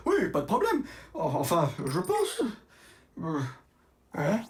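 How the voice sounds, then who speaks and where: A woman's voice: fairly low pitch, huge pitch swings, slow, full character voice. A woman playing a sheepish, bumbling young cartoon character who stammers evasively. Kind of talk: French animated cartoon acting.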